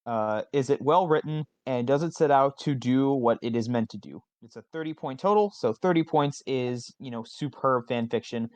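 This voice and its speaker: A man's voice: medium pitch, moderate pace, few pauses, darkish tone, no room sound. A man hosting a live fan fiction reading contest, casual and joking, swearing freely.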